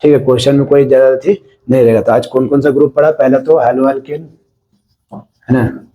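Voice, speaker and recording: Mellow-voiced Indian man teaching chemistry. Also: mid-range voice, little pitch movement, moderate pace, rough recording. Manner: explains step by step, often checking "है ना?". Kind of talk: classroom-style lecture.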